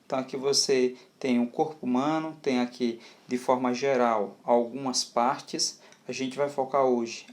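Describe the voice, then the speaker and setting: A man teaching a video lesson, explaining patiently and checking in often. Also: mid-range voice. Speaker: Spanish teacher.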